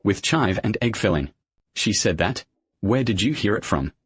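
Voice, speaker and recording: Period drama dub: an understated, loyal husband, lowish raspy-edged voice. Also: male voice, lively intonation, moderate pace, dry recording. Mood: reserved. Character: reserved, devoted husband, a ledger-keeping manager.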